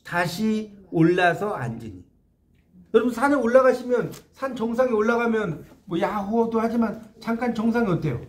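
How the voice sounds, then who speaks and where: A man's voice: sits high, lively intonation, moderate pace. A man giving a classroom lecture on classical poetry, explaining it line by line and often putting questions to his listeners. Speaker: literature lecturer.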